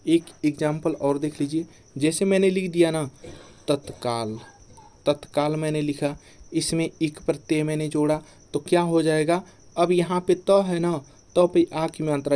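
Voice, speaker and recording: Man drilling grammar in a mellow voice. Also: a little high, smooth. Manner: repeats each point as a quiz question, then answers it. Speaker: Hindi teacher. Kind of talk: exam-prep grammar lesson.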